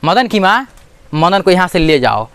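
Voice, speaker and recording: A man voicing a stern, commanding rich older gentleman who scolds a poor mother. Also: high voice, very animated, normal speed, clear, resonant tone, dry recording, full character voice. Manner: commanding, lecturing.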